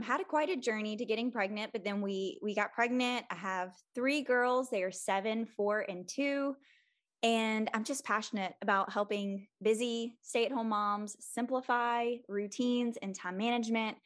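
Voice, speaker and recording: A woman's voice: on the high side, normal speed. A woman in her thirties, a mother of three, speaking as a podcast guest in a friendly, thoughtful way. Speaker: guest, mom coach. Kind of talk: casual interview chat.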